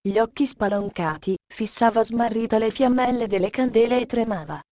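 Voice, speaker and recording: A woman's voice: a little high, normal speed, dark tone, no room sound. Woman narrating a storybook. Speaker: audiobook narrator.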